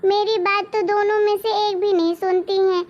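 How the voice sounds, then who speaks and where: A woman's voice: extremely high pitch, little pitch movement, moderate pace, lo-fi sound. A woman voicing a complaining older mother-in-law in a cartoon story. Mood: fretful. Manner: complaining, scolding.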